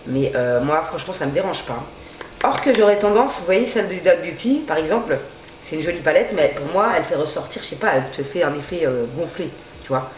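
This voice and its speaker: A woman's voice: sits low, animated, a little fast, a little hiss or hum. A woman beauty vlogger chatting casually and gushingly through a makeup tutorial, full of slang. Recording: roomy echo.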